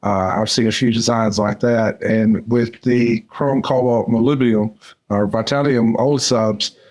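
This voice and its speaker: Older man from Arkansas, unhurried. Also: fairly low pitch, steady tone, darkish tone. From Central Arkansas, USA. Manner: unhurried, with many "uh" fillers. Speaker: dental surgeon and course mentor. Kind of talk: podcast interview.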